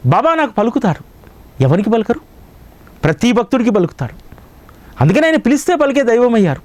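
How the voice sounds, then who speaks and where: A man's voice: extremely high pitch, very animated, fairly quick, darkish tone. A man giving a devotional discourse as a spiritual teacher, with a Telugu accent, preaching with rhetorical questions.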